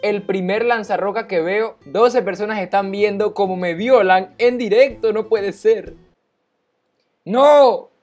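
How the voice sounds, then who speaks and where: Excitable man yelling over his gameplay. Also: sits high, a little slow, few pauses, faint music behind. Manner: excitable, repeats phrases, yelps and cheers at the game. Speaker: gaming YouTuber. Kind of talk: live gameplay commentary.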